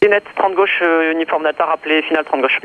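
A man's voice: a little high, fairly even intonation, fast, phone-quality sound. A man giving clipped air traffic control instructions over an aviation radio. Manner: clipped procedural phrasing. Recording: noisy aviation radio transmission. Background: aircraft engine noise.

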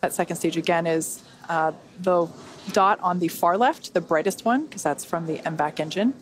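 A woman's voice: lowish voice, normal speed. A woman hosting a launch webcast, giving conversational, explanatory live commentary. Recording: faint background noise.

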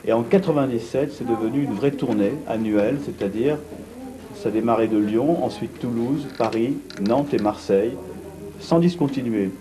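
A middle-aged man seated in a gallery cellar, answering an interview in a blunt, brisk way with many restarts. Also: mid-range voice, crowd noise, low-quality recording. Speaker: art fair organizer. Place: vaulted brick gallery cellar, indoors.

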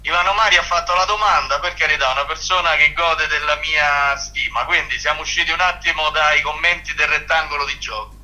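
A man talking over a speakerphone from his car as a club president, formal and measured as he calls in to a press conference. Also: a little high, fairly even intonation, pushed and bright, rough recording. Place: in a moving car.

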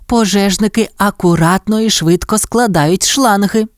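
A woman's voice: mid-range voice, unhurried, no echo, studio quality, voice pushed up, close to an everyday voice. A woman voicing a kind, capable mother dalmatian in a storybook reading, instructing her puppies. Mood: instructive. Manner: instructive, encouraging.

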